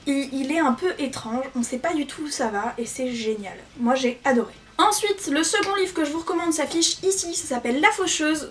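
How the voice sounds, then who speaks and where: Chatty high-voiced young woman. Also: fairly bright tone, recorded from a distance, slight background noise. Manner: chatty and enthusiastic, with frequent fillers. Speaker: book vlogger. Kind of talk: casual book recommendations. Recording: voice a little off-mic, faint music behind.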